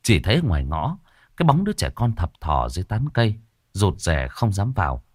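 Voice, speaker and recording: A man narrating a Vietnamese ghost story with a lively, dramatic delivery. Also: low voice, brisk, slightly rough, dry recording, studio quality.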